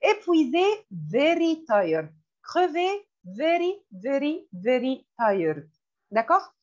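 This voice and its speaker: A woman teaching French vocabulary in a classroom lesson, repeating each word slowly and glossing it in English. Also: high-pitched, big pitch swings. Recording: dull lo-fi recording.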